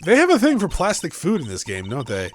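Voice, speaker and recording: A man's voice: on the high side, wildly swooping pitch, quick pace, slight background noise. A man hosting a let's play, commenting on a game in an offhand, joking way and laughing often. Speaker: gaming channel host.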